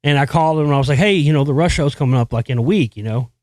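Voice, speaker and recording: A man's voice: a little high, very fast, a little mellow, no echo. Profane rambling man podcasting. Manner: rambling, profane, full of fillers and restarts. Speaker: podcast host. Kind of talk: casual storytelling monologue.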